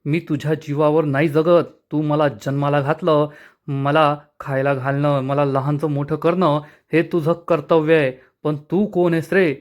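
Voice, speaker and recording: A man's voice: fairly high pitch, little pitch movement, measured pace, close to an everyday voice. A man reading the lines of a young adult son who is furious and defiant, threatening his father in a menacing tone. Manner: shouting, menacing.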